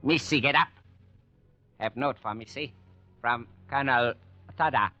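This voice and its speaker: An actor playing a gruff prison guard in a 1940s radio war drama, speaking halting broken English. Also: male voice, mid-range voice, pushed and bright, muffled recording, soft background music. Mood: mocking, blunt.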